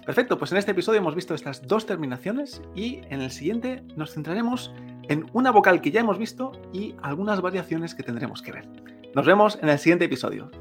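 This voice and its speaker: A man's voice: high voice, very animated, fairly quick, faint music behind. A man teaching Chinese pronunciation, who explains patiently, spells out letters and checks in with the listener. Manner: patient, spells out letters and adds tag questions. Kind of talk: pronunciation lesson.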